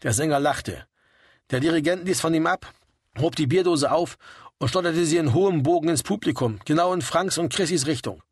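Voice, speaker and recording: A man reading a story aloud in a steady, wry narrating manner. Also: on the high side, normal speed, breathy edge, no echo, studio quality. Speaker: audiobook reader. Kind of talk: scripted narration.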